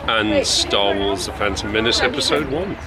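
A man's voice: on the low side, moderate pace. A man who works as an actor and instructor, chatting casually in an interview. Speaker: film actor and lightsaber instructor being interviewed. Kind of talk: casual chat. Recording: clear urban background noise.

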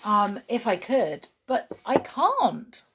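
A woman's voice: on the high side, wildly swooping pitch, slow pace, husky, heavily acted, rough recording. Woman playing a giggly little girl. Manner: bright, giggly.

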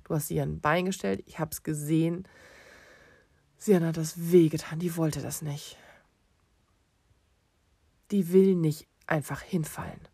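A man voicing a hurried but patient father who explains things loudly and firmly. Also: a little high, vocal fry, breathy edge, dry recording, studio quality. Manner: loud, insistent, calm explaining under time pressure.

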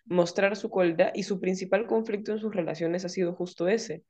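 A woman's voice: lowish voice, a little fast. A woman therapist, explaining ideas in a casual podcast conversation and often acting out quoted dialogue. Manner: explanatory, acts out quoted dialogue in lively voices.

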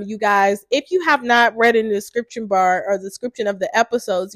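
A woman's voice: on the high side, no echo. A woman in her thirties hosting a casual solo podcast, chatty and full of "like", with a stuffy, congested nose. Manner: chatty, says "like" a lot. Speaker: podcast host.

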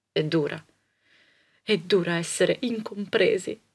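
A woman's voice: slow, vocal fry, breathy edge. A woman soprano delivering a comic monologue in a theatrical, ironic way. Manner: theatrical, ironic, lively swings in pitch and loudness.

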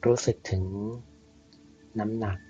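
Music plays behind a slightly dull, muffled recording of a man. He guides a sleep meditation in a soft, very relaxed, dark-toned voice. His short, soothing phrases are spaced by long pauses. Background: clear background music.

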